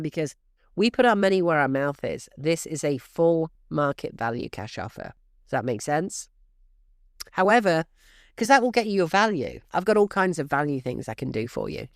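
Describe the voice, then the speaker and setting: Speaking directly to her listeners, a middle-aged real estate podcast host gives advice in a brisk, emphatic, coaching style. Her low voice sounds stuffy and snuffly from allergies, and the clean studio recording has no room sound.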